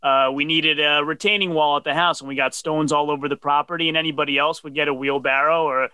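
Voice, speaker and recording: 40s guy from new jersey hosting a video call interview, slightly high bright voice, dry sound. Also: steady tone, fast, smooth, no echo. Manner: friendly, affirming, asks long questions. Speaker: interview host. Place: dim home office. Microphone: webcam on video call.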